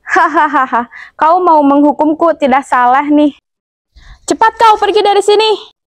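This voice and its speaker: Seorang gadis memerankan nyonya kaya yang sombong dan pelit. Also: female voice, sits high, a little fast, dry recording, clean studio sound, close to an everyday voice. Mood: scornful. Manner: haughty, scornful, bossy. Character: rich arrogant stingy woman, haughty and rude. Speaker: student actor. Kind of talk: school drama acting.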